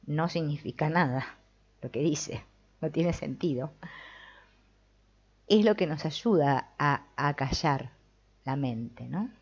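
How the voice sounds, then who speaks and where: A woman's voice: low-pitched, expressive, takes it slowly, pauses often, slightly rough, highs cut off. A woman hosting a live-streamed book discussion, talking it through conversationally and often checking in with her listeners. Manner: conversational, keeps checking in with tag questions. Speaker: host of a book reading and discussion.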